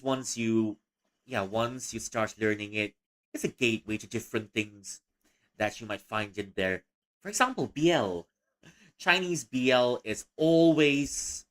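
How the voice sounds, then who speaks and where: This young man from Malaysia has a fairly low voice and talks in a loose, rambling way on his livestream. He keeps restarting his thoughts and lets out soft laughs along the way.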